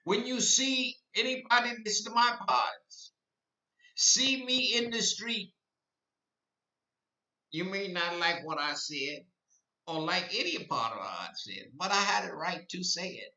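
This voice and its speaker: Bright-voiced man in his eighties. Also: high-pitched, expressive, a little slow. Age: 80s. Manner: rambling, repeats himself, grows impassioned. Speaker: podcast host. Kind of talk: rambling live-stream monologue. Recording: echoey, distant, dull lo-fi.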